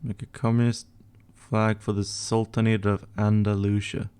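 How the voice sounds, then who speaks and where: While working at his computer, a young Swedish livestream host answers chat questions in an offhand way, mumbling, trailing off mid-thought and swearing softly as he edits images. His slightly low voice barely moves in pitch and keeps a moderate pace with a clean tone. Keyboard typing and mouse clicks can be heard behind him.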